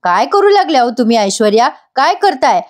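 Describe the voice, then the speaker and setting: A woman's voice: high voice, sing-song, brisk, darkish tone. A woman voicing a distraught young man who reproaches his wife in a TV serial recap. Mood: accusing. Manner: reproachful, accusing.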